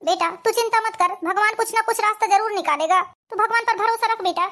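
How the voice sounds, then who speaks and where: A woman's voice: very high voice, a little fast, sharp tone. A woman playing a worried, comforting middle-aged mother in a cartoon family drama. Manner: comforting, calls everyone "beta".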